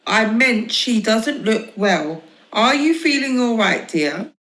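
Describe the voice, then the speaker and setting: A woman's voice: fairly high pitch, animated, takes it slowly, fairly bright tone, voice pushed up. A cheerful, bossy dad from a storybook barks out chores like a sergeant, as a woman reader puts him on. He sounds hearty and upbeat, and the room around the voice echoes. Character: cheerful bossy dad taking charge of the family.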